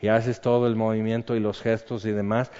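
A man's voice: on the low side, level tone, brisk, dark tone, smooth. A man preaching a sermon as a pastor, talking in a conversational way and putting questions to his congregation. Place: church hall. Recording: muffled sound in a reverberant hall.

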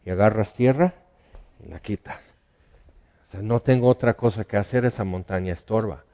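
A man's voice: lowish voice, normal speed, mellow, dull audio. A man preaching a sermon in a conversational way, asking the listeners questions.

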